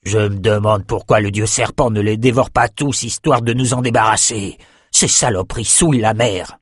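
A man voicing a fierce, brutal warrior king who speaks slowly and gruffly. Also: on the low side, no echo, studio quality.

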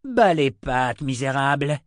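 A savage army general snarls and barks his orders, as a man voices him in an audiobook. The voice climbs high and hits hard. The recording stays close and dry. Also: expressive, normal speed, dry recording, close to an everyday voice. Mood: harsh, shouting. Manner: barking orders, threatening. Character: brutal, furious male army general.

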